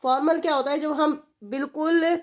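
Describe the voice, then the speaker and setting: A woman's voice: high-pitched, steady tone, moderate pace. A woman giving an exam-preparation lecture, explaining step by step and asking and answering her own questions for her students. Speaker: exam-prep teacher.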